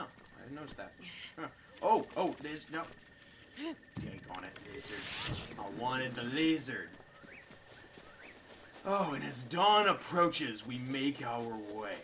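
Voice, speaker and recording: A man giving casual, excitable commentary while playing a game. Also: medium pitch, slight background noise, low-quality recording. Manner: chatty and excitable, many restarts. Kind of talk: casual let's play commentary.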